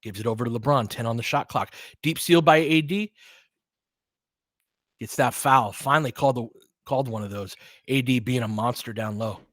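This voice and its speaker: A man gives partisan live basketball commentary, cheering on his team through short, fragmentary play calls. His medium-pitched voice is fairly bright and moves at normal speed, recorded studio-clean with no echo.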